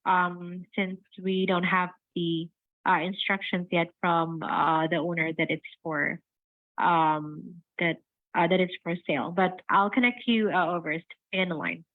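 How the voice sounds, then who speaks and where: A woman's voice: fairly low pitch, fairly even intonation, a little slow, dry recording. A woman answering a business phone call as a real estate office receptionist, polite and hesitant with many fillers, heard over a landline phone. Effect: heard over a landline phone line. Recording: tinny phone line, dry.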